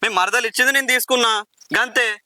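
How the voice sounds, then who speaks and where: A man's voice: extremely high pitch, fairly even intonation, fast, pushed and bright, no echo, exaggerated voice. A man playing a brash village moneylender. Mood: dismissive. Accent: Telangana Telugu. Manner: brash, dismissive, taunting. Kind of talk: village drama acting.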